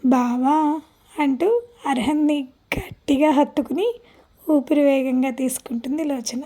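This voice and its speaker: A woman storyteller reading a romance story aloud in a gentle, unhurried way. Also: high voice. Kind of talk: read-aloud romance narration.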